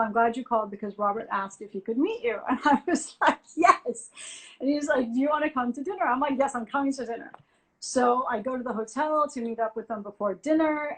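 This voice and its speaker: A woman, a music journalist, telling a lively anecdote as an interview guest on a video call and acting out both sides of the dialogue. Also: fairly high pitch, poor audio. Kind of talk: casual storytelling on a live video chat. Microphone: phone or laptop on a video call.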